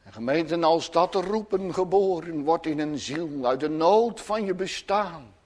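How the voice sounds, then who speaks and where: Solemn preacher, high-set voice, emphatic and repetitive. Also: male voice, unhurried, darkish tone. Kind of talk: sermon.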